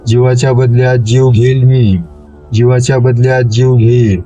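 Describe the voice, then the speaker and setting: A man's voice: medium pitch, level tone, moderate pace, dark tone, faint music behind, lightly acted. A man voicing a menacing male demon spirit in a spoken horror story, talking in a growling, cackling manner.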